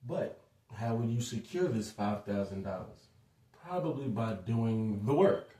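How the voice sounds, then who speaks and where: Expressive and a little slow, a man with a dark, lowish voice rambles through a short casual lecture, sprinkling in asides and fillers. He is recorded from afar in an echoey room.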